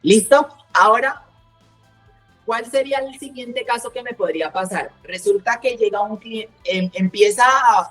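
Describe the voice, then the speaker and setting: A woman teaching a live coding class, explaining step by step and checking in with the students. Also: medium pitch. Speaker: programming instructor.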